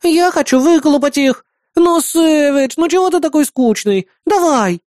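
A reader doing Bismarck, shrill bratty young woman. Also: moderate pace, a little mellow, no echo, studio quality, lightly acted. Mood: wheedling. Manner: whiny, pleading, bossy. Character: brash childish young woman, a major.

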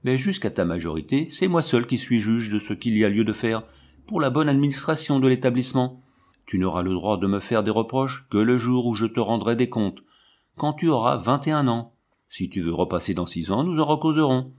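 A man's voice: medium pitch, lively intonation, fairly quick, a little mellow, close to an everyday voice. A man reading the part of a scheming adult man who speaks in a condescending, sardonic way in a storybook reading. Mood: mocking.

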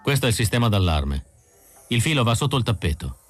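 A man's voice: lowish voice, very animated, quick pace, dry recording, faint music behind. A man voicing a cold, calculating male android leader who speaks in a clipped, matter-of-fact way.

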